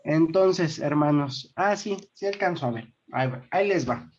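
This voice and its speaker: A woman with a Mexican Spanish accent leads an online group formation class, calling her listeners brothers and sisters. She goes step by step and keeps checking they follow, her low, expressive, slightly mellow voice moving at a moderate pace through a dull lo-fi recording.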